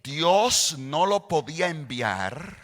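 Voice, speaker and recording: A male pastor preaching a sermon, slow and deliberate, repeating phrases and rising to shouts on quoted scripture. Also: fairly high pitch, sing-song, long reverb tail. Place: large church hall.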